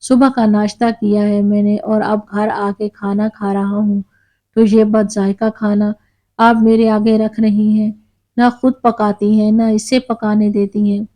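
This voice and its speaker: A woman voicing an angry grown son who scolds and shouts at his mother. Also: mid-range voice, flat delivery, natural voice.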